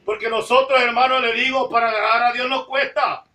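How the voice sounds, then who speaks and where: A woman preaching a sermon in a church, fervent, tagging nearly every phrase with a call to the congregation and rising to shouts at the high points. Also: flat delivery, brisk, echoey room, recorded from a distance. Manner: fervent, repeats "hermano, ¿verdad?" after nearly every phrase; rises to shouting at emphatic points.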